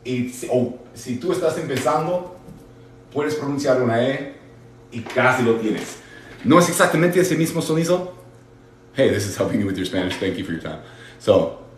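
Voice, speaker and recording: A man teaching English in a livestream, switching between Spanish and English and stretching out words slowly to model sounds. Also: mid-range voice, reverberant, slight background noise. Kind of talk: bilingual livestream English lesson.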